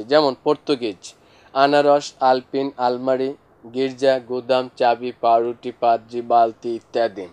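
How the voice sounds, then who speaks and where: A man's voice: medium pitch, darkish tone, clear, resonant tone. A male teacher giving a classroom lesson, speaking to students directly and listing examples one after another. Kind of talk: classroom lesson explaining vocabulary.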